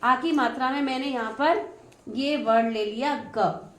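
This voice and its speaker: In an echoey room with faint noise, a female teacher speaks at a measured pace, her voice sitting high. During a lesson on Hindi vowel signs, she patiently quizzes her students and praises what they answer.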